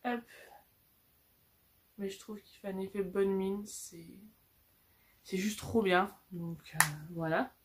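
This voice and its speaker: A woman's voice: mid-range voice, steady tone, takes it slowly, pauses often, a little hiss or hum. A young woman from France chatting through a casual makeup review, filmed on a phone at home, with lots of fillers and restarts. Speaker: beauty vlogger. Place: indoors at home with a lamp behind her. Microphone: phone camera.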